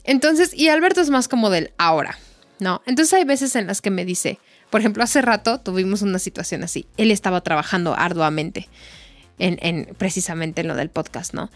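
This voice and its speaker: A young woman with a Mexican accent co-hosting a casual Spanish lesson podcast, telling animated stories. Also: moderate pace, no room sound, faint music behind. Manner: animated storytelling, acts out quotes in a high voice. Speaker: podcast co-host and Spanish tutor.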